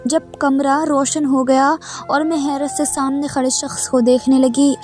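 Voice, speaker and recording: A woman narrates a dramatic first-person story in a high, even voice. Her tone is mellow and steady, with little rise and fall. Soft music plays behind her. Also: measured pace.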